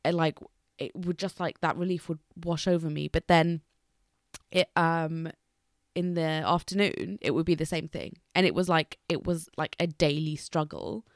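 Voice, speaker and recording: A young woman in casual conversation, speaking haltingly with long pauses between sentences, many restarts and words that get stuck. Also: deep voice, no echo, clean studio sound. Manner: hesitant, with many restarts and fillers.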